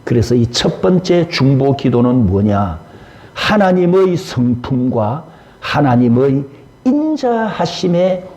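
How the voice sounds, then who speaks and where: A man's voice: medium pitch, a little mellow, rough recording. A male pastor preaching a sermon, asking rhetorical questions and leading the congregation in reading aloud.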